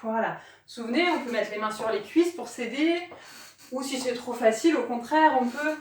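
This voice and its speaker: A woman's voice: fairly high pitch, moderate pace, a little hiss or hum. A woman leading a home workout, cueing breathing and counting aloud, a little out of breath as she demonstrates. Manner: encouraging, counts out loud and cues breathing. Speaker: fitness instructor. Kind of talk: guided home workout coaching. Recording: echoey room, voice from far off.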